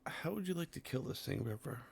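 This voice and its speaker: A man at a tabletop game, speaking in a halting, hesitant way. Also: a little high, lively intonation, vocal fry, husky. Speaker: player. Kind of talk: casual tabletop game play.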